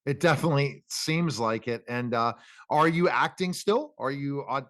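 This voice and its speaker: A man's voice: medium pitch, lively intonation, normal speed, fairly bright tone, dry recording, clean studio sound. A man hosting a casual talk interview, talkative, with rambling questions and remarks about himself.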